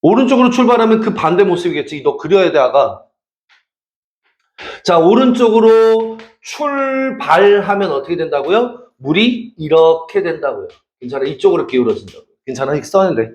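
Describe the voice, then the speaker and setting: Brief: middle-aged male academy teacher, high voice, playful teasing lecture, roomy classroom. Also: very animated, moderate pace, a little mellow. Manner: teasing, checks for understanding constantly. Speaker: math and science academy teacher.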